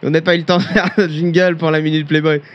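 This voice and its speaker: A man's voice: on the high side, level tone, fast talker, highs cut off. A man co-hosting a comic radio parody, reading aloud in a mock-solemn tone, hesitant and full of filler sounds. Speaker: co-host reading a mock news segment.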